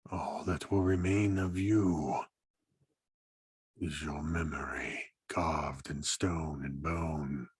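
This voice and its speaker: A man voicing a menacing stone villain with a thick, gravelly, low growl and slow, drawn-out, taunting delivery. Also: steady tone, dry recording, studio quality, heavily acted. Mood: quiet menace.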